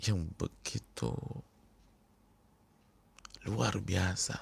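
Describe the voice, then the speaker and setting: Very gravelly, husky male preacher. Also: deep voice, very slow. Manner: emphatic, repetitive, drops to hushed tones; addresses the congregation directly. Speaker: Islamic preacher. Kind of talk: sermon.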